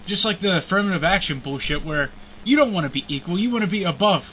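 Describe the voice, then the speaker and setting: A young man co-hosting a podcast, talking bluntly in crude casual chat and telling stories deadpan. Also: sits high, fast. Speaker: podcast co-host. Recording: muffled lo-fi with faint noise.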